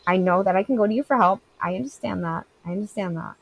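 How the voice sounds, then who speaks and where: A woman's voice: medium pitch, fast, vocal fry, low-quality recording. A woman in her thirties, a game streamer, chatting casually and answering her live chat in a candid, rambling way full of "like". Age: 30s. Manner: candid, rambling, heavy use of "like".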